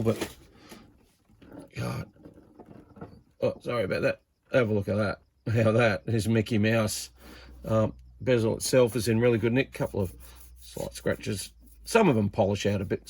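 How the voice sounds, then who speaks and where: This hobbyist reviewer of vintage CB radios talks low and a bit mellow, muttering informally as he unboxes and handles his gear. Background noise is clear, with clicks from handling.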